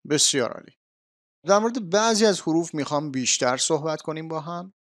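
A man teaching an English lesson, explaining patiently and repeating sounds slowly for drilling. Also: fairly high pitch, animated, a bit bright, dry recording, clean studio sound.

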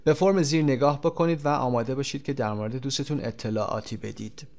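A man's voice: mid-range voice, a little mellow. A man teaching English words in Persian. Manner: explains in Persian and reads English example words slowly and clearly. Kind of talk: classroom language lesson.

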